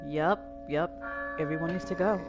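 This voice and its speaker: A woman's voice: low voice, normal speed, over loud music. A woman giving scattered, self-deprecating commentary while playing a game. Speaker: gamer reviewing a film. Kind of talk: casual rambling commentary.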